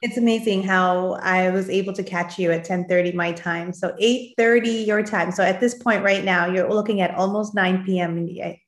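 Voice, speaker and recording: A woman's voice: medium pitch, fairly even intonation, normal speed, few pauses. A woman hosting a motivational interview, speaking in an encouraging way. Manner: encouraging, addresses listeners as fellow moms. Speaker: show host. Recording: roomy, echoing sound.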